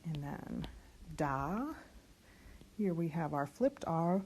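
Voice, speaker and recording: A woman leads a diction lesson, working through letters and vowel sounds one at a time. She speaks very slowly, in a voice on the low side for a woman. A faint hiss of room noise sits behind her. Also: very animated, a little mellow. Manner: slow, careful, spells out sounds and letters. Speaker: voice and diction teacher.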